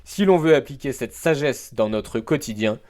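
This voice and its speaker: A man talks alone on his educational podcast, reading from prepared notes. He breaks off now and then with hesitant asides and fillers. His voice sits in a middle pitch. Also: lively intonation, normal speed, a little mellow. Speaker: teacher and podcast host. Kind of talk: solo educational podcast monologue.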